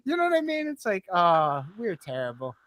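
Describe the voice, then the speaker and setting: A man co-hosting a casual podcast, telling animated stories and laughing as he goes. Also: high voice, a little fast, no echo. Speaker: podcast co-host. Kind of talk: casual chat.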